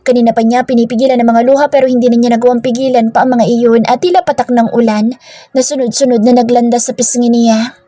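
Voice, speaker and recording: A woman narrating a romance story in a steady, scripted storytelling read. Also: fairly high pitch, quick pace, no echo. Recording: dry with faint background music.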